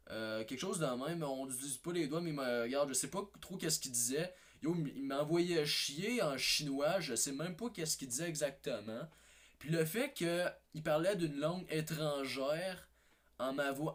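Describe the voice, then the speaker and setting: A man with a Québécois French accent telling a rambling comic anecdote, hesitant and repetitive, with many fillers and restarts. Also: a little high. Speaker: comedy video maker.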